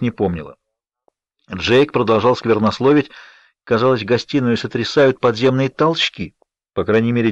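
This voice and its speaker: A man narrating a first-person novel in a steady, measured reading. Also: mid-range voice, no echo. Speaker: audiobook narrator. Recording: dry, slightly dull audiobook recording.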